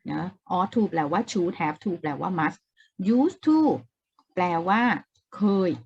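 A woman's voice: medium pitch, darkish tone, breathy edge, highs cut off. A woman teaching an English exam-prep lesson in a casual way, explaining step by step, repeating key words and asking the viewer questions.

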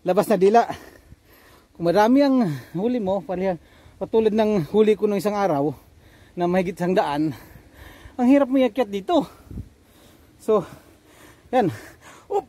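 A man's voice: high-pitched, lively intonation, normal speed, pauses often, warm tone. A man vlogging casually on a rocky seashore, panting and effortful as he climbs, recorded on a handheld camera. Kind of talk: casual vlog narration.

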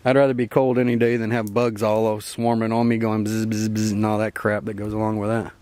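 A man's voice: fairly low pitch, flat delivery, fairly quick, a little mellow, dry recording. A young man giving a rambling, easygoing tour of his riverside campsite, chuckling often, recorded on a handheld camera outdoors. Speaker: camping vlogger. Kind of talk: casual outdoor camp tour. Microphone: handheld camera mic. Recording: faint outdoor noise.

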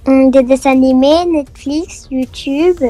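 A woman voicing a calm girl friend in a game role-play, giving short, quiet answers. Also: sits high, measured pace.

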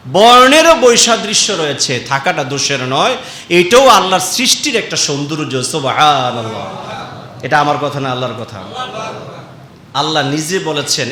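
A man from Comilla preaching a sermon, calling out questions to the crowd and swinging from loud to quiet. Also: a little high, reverberant. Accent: Comilla Bengali.

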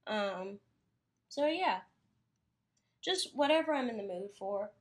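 Recorded on her phone indoors in her art studio, a young woman painter chats casually during a live stream, rambling a bit and laughing easily. Her voice is mid-range and expressive, and she speaks slowly.

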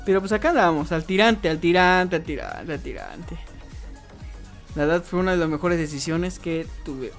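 A young man with a Mexican accent streams a game, chatting casually as he reads viewers' comments aloud and answers them. His voice is fairly high-pitched, his pace moderate, and faint music plays behind him.

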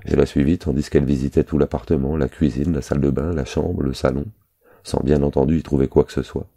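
A man reading a novel aloud in a measured, even storytelling manner. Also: very deep voice, vocal fry. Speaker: audiobook reader.

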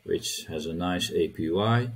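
A middle-aged man hosting a crypto channel, walking through a screen-recorded tutorial and often halting to repeat words as he clicks through the steps. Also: low-pitched, breathy edge.

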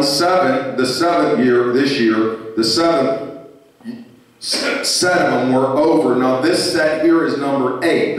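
A male pastor preaching a sermon with rising fervor and reading scripture aloud. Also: mid-range voice. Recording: echoey church hall from far off.

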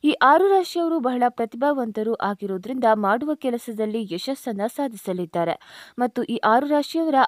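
Higher-voiced woman reading a script. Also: dry recording, clean studio sound. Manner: steady, read-aloud delivery addressing viewers. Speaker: astrology channel narrator. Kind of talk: scripted narration.

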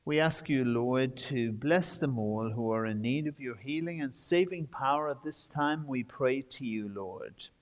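Slow priest under cathedral echo. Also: male voice, medium pitch. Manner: slow, measured intoning. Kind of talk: liturgical prayer at Mass. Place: large church. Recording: long church reverb.

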